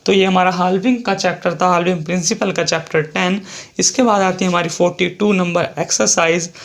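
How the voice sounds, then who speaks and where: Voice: medium pitch, steady tone, fairly quick, vocal fry. A shorthand teacher with an Indian accent explaining a lesson step by step, repeating each example and spelling words out letter by letter.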